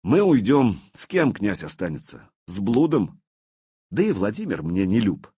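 A man's voice: on the low side, sing-song, measured pace, dark tone, breathy edge, no echo, highs cut off, full character voice. A man voicing a gloomy, curt young Varangian warrior. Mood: sullen. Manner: sullen, curt.

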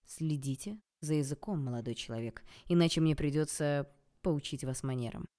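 A woman's voice: low voice, normal speed, mellow, natural voice. A woman voicing a smug, condescending man who speaks in a lazy, drawling way. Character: smug, mocking male ruler posing as a boyfriend.

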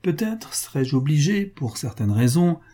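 A man's voice: on the high side, big pitch swings, a little slow, dark tone, voice pushed up. A man voicing a cynical wealthy male financier who coaxes with false affection and cold insistence. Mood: wheedling. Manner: wheedling, mock-jovial, coldly insistent.

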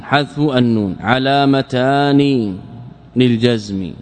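A man giving a classroom grammar lesson, asking his students questions, answering them himself and repeating key phrases for emphasis. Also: medium pitch. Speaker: teacher of Arabic grammar. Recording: long reverb of a lecture hall.

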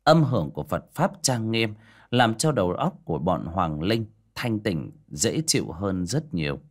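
Brief: male audiobook narrator, low register, animated dramatic delivery. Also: unhurried. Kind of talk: storytelling narration.

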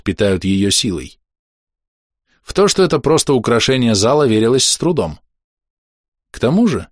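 Male narrator, low voice, fantasy audiobook, measured steady reading, dry close mic. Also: dry recording.

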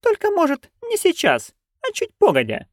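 A man voicing a chatty, gossiping old witch woman who talks in a high, fussy voice. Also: wildly swooping pitch, moderate pace, no echo, clean studio sound, heavily acted. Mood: coaxing.

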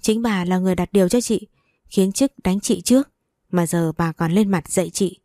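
A woman reading storybook narration in a steady, even way. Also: lowish voice, moderate pace, no room sound, clean studio sound.

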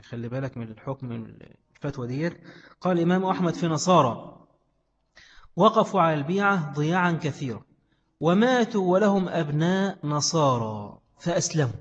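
A man's voice: a little high, expressive, a little fast, pauses often. A man with an Egyptian accent teaching a classroom lesson, explaining a text and asking questions that he answers himself. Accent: Egyptian Arabic. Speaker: religious studies teacher. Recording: echoey hall, dull lo-fi sound.

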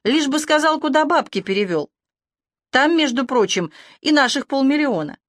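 A woman's voice: sits high, animated, moderate pace, no room sound, clean studio sound, pitched above the performer's own voice. Woman doing a brash, prickly young woman. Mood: dismissive. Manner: bristling, dismissive.

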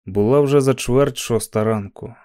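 An audiobook of a novel is read by a man whose voice is dark and mellow, pitched in the middle range for a male. He narrates at a normal speed with a steady, even delivery.

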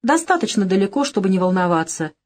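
A woman's voice: mid-range voice, very animated, quick pace, lightly acted. A woman reading an audiobook, voicing a cocky, short-tempered male gangster boss with a brash, mocking manner. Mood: calm, smug. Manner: brash, mocking, flares into shouting.

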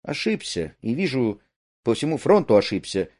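A man's voice: mid-range voice, sing-song, normal speed, a little mellow, husky. A man reading an awkward, jealous young suitor. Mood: earnest. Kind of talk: reading a play aloud.

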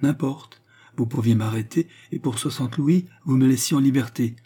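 A man's voice: medium pitch, normal speed, warm tone, breathy edge, pitched above the performer's own voice, close to an everyday voice. A man voicing Beausire, a flustered host who protests and grows angry with his unwelcome guests, in a storybook reading. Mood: pleading. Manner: protesting, rising to anger.

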